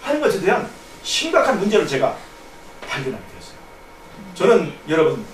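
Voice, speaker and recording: A man preaches in a church hall, earnestly recounting a personal testimony as his voice sinks to a hush and then rises. He speaks briskly in a high-pitched voice with huge pitch swings. The live stream picks him up on a distant room mic, so the sound is echoey and faintly noisy.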